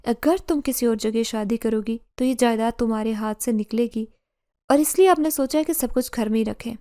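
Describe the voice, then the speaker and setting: A woman voicing a harsh, domineering middle-aged uncle who speaks curtly and commandingly in a loud, heavy voice. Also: very high voice, dry recording, clean studio sound. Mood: stern.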